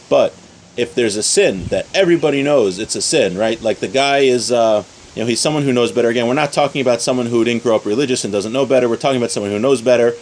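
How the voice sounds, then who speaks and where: In an informal religious lesson, a male teacher reads from a source text and then explains it step by step, often repeating and rephrasing his points with everyday examples. His voice is mid-range with a darkish tone. The recording is low quality with slight background noise.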